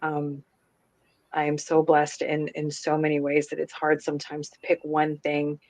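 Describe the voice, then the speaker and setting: A woman's voice: sits low, completely flat delivery, a little mellow, no echo, poor audio. Woman co-host, sincere and hesitant, lots of ums, dry close mic. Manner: earnest, halting with many ums. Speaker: podcast co-host. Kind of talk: casual chat.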